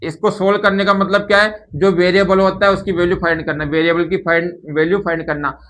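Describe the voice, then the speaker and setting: A man explains a maths lesson patiently. His voice sits a little higher than most men's. He keeps asking questions and then answers them himself, as if speaking to a class. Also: steady tone, brisk, a bit bright. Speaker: maths teacher.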